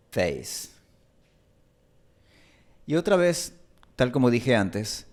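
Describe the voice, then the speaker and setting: Slow, low-voiced man teaching pronunciation. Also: darkish tone. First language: Spanish. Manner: demonstrates sounds by repeating them slowly. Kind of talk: slow explanatory lesson.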